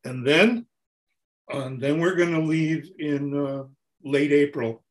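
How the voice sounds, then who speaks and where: A man in his sixties who plays keyboards on tour speaks slowly in a slightly high voice. In a casual interview he talks animatedly, going on in long runs and often restarting his sentences.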